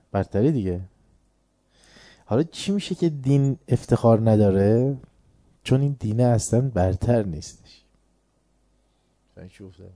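A man with a lowish, very dark and mellow voice delivers an informal sermon, recorded close and dry. He talks conversationally and keeps turning to his listeners with rhetorical questions. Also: no echo. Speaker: preacher. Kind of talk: informal religious lecture.

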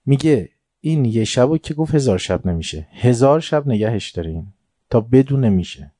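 A man giving a religious lecture to a seated audience. He tells stories with quoted dialogue and recited Arabic, swinging from soft asides to emphatic points. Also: medium pitch, very animated, dry recording, clean studio sound. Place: room before a seated audience.

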